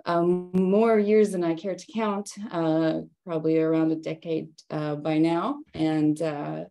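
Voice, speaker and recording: A woman's voice: low voice, level tone, a little slow, gravelly, mellow. A woman, presenting a workshop in a chatty way, laughing between phrases and using many fillers. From Estonia. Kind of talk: conversational presentation.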